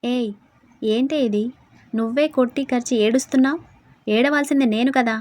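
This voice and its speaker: A woman voicing a teasing, stubborn young husband who talks loudly and presses his point. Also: fairly high pitch, moderate pace, no echo, lightly acted. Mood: pleading.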